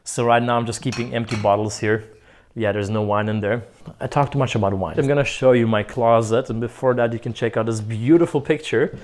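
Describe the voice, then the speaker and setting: A man's voice: mid-range voice, steady tone, brisk, a little mellow. A young man from Croatia, vlogging a casual tour of his apartment, joking and chuckling often. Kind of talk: casual chat. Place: apartment, indoors.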